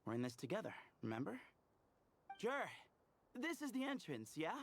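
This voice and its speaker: A relaxed, reassuring young adventurer, with a very lively pitch that rises and falls a lot, over a faint hiss. The delivery is easygoing and steady, like a leader keeping the group calm. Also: normal speed. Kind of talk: video game voice acting.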